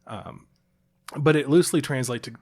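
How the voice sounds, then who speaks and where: Podcast co-host, male, mid-pitched, chatty and explanatory, loose and joking. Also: normal speed. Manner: chatty, explaining at length with fillers and restarts. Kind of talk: casual chat.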